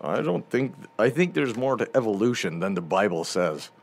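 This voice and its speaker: This podcast co-host from Montana has a lowish, creaky voice, a northern US accent, and a normal speaking speed. He's animated and joking in casual chat, swearing casually as he goes.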